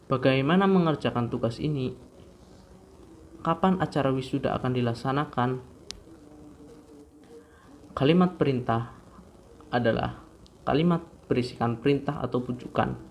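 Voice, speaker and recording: A young man reads a grammar lesson aloud in a class presentation, in a plain mid-range voice. He reads steadily from notes, tripping over words and restarting them. A faint hiss of noise sits under the recording. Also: mid-range voice. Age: young adult. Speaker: student presenter.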